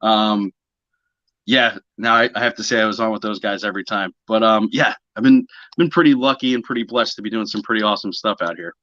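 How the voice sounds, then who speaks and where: A man's voice: lowish voice, a little fast, sharp tone, dry recording. Dry, slightly muffled man, casual interview guest. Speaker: podcast guest, psychic medium. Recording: slightly dull, lo-fi audio.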